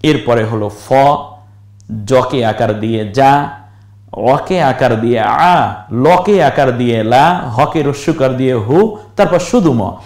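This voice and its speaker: A man teaching Quran recitation step by step, spelling out letters slowly and now and then chanting a verse in a stretched tone. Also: mid-range voice, animated, darkish tone, reverberant.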